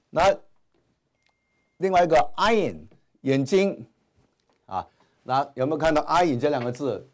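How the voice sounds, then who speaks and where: Male grammar teacher giving a classroom lecture, lively pitch, constant filler sounds. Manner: frequent "啊" and "哈" fillers, mixes English terms. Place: classroom with whiteboard.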